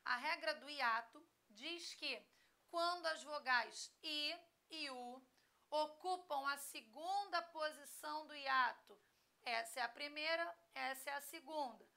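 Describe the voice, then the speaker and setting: A woman's voice: high voice, slow pace, vocal fry, sharp tone. A woman teacher giving a recorded grammar lesson, spelling out word endings letter by letter and checking in often with short questions.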